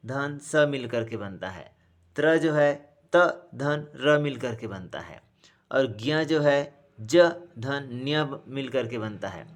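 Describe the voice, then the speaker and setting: A male teacher giving a recorded grammar lesson at an unhurried pace. He sounds out each letter slowly, repeats important terms and speaks to his students as friends. His voice sits at an ordinary middle pitch. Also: a little hiss or hum. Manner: slow and deliberate, repeats terms, says each sound aloud.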